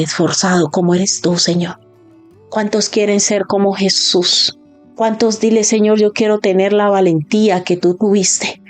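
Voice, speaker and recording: A woman's voice: on the low side, a little mellow. A woman pastor preaching a sermon with fervent, emphatic delivery, often acting out doubting church members in a raised voice. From Spain.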